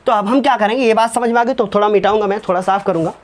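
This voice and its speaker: High-voiced male tutor who talks students through each step warmly. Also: very fast. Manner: keeps checking that students follow, repeats each step; fond, fatherly address to students. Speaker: physics teacher. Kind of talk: whiteboard lesson solving numericals.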